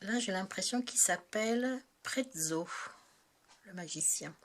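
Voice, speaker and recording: A woman's voice: medium pitch, lively intonation, a little slow. A woman hosting a tarot video, chatting casually and hesitantly, searching aloud and restarting her sentences. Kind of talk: casual spoken deck review.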